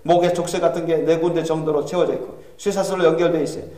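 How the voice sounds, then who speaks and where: A man's voice: a little high, flat delivery, quick pace, mellow. A male pastor preaching a fervent, urgent sermon in a church sanctuary, heard from a distant microphone. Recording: echoey church hall, far mic.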